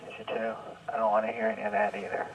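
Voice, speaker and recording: A man talking over a speakerphone on a prison call with family, speaking in a terse, low-key way. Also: very animated, fast talker, gravelly. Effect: heard over a speakerphone in a prison call. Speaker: inmate on a phone call with family. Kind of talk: casual phone conversation. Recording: distant speakerphone with faint background noise.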